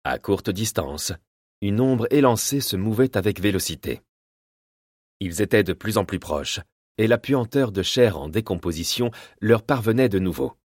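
Low-voiced man narrating an audiobook. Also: lively intonation, darkish tone, no echo, studio quality. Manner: measured, dramatic storytelling. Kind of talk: scripted narration.

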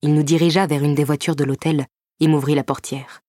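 A woman narrates a first-person romance novel in a low, even voice. Her reading is measured and intimate, carrying quiet tension. The close, dry studio sound leaves no room echo. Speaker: audiobook narrator.

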